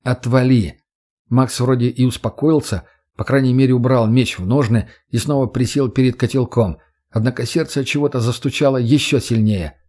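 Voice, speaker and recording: A man reading an audiobook in an even, measured storytelling manner. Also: medium pitch. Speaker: audiobook narrator. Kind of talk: scripted narration.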